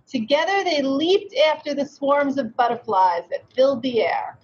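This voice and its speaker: A woman's voice: sits high, very animated, normal speed, darkish tone. A woman hosting a read-aloud, reading and chatting with children in a simple, encouraging way. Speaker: read-aloud host, educator. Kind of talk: storybook reading and friendly discussion. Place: large meeting room indoors. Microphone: video call, distant from camera. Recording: dull video-call audio, faint noise.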